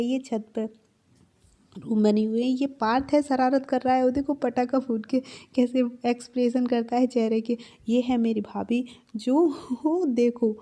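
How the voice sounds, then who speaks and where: A woman's voice: on the high side, mellow. A young woman narrating her family's festival day in a chatty, affectionate way, laughing now and then. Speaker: vlogger. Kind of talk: casual festival vlog narration.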